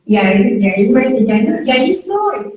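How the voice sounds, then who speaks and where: A woman's voice: a little high, sing-song, brisk, darkish tone. A woman with a Mexican accent giving a church testimony, talking directly to listeners in a conversational way. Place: church hall. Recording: echoey church hall, distant dull mic.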